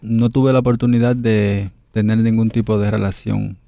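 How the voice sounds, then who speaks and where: A man's voice: fairly low pitch, little pitch movement, moderate pace, creaky, dark tone, no echo. A middle-aged man from the Republic, a radio guest telling memories in a thoughtful, hesitant way with many fillers. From Dominican Republic. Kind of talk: reflective interview storytelling.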